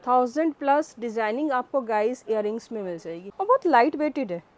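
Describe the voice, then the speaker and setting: A woman's voice: a little high, expressive, brisk. A woman with a Delhi Hindi accent hosting a market vlog, talking enthusiastically to her viewers and exclaiming often over the pieces she shows. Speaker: vlog host.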